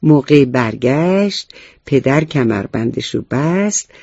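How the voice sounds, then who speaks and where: A man's voice: mid-range voice, lively intonation, gravelly, a little mellow, husky, dry recording. Man narrating a children's story. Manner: addresses young listeners directly. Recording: dull, muffled recording.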